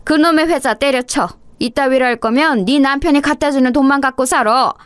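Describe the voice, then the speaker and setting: Lady putting on a nasty old mother-in-law, high shrill yelling, very dry close sound. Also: brisk, no room sound, lightly acted. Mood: scolding. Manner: shouting, berating, coarse. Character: older woman, harsh scolding mother-in-law.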